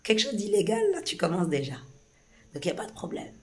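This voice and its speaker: A woman with a low, hoarse voice speaks straight to camera in a loose, unscripted way. She stumbles and restarts often, repeating words as she pushes through an agitated account. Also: sing-song, fast, a little mellow. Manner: agitated, hesitant, many restarts and fillers. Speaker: vlogger recounting a police incident. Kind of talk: casual spoken account to camera.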